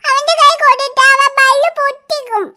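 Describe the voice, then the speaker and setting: A squeaky, piercingly bright cartoon girl, stubborn and possessive. She whines and sobs through her pleas, her tiny voice pitched extremely high and sharp. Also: fairly even intonation, moderate pace, full character voice. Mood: whiny stubborn. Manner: whining, crying pleas. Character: stubborn little schoolgirl, whiny and possessive. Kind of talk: cartoon voice acting.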